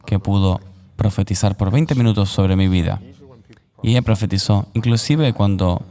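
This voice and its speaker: A man recounting a personal testimony as an interview guest, in an earnest, measured voice-over. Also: on the low side, warm tone, in a large hall.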